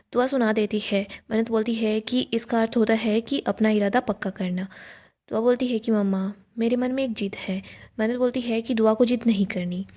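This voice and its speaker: Mellow-voiced woman retelling a story. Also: a little high. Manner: steady retelling, quotes dialogue in her own voice. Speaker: TV serial recap narrator. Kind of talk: casual storytelling recap.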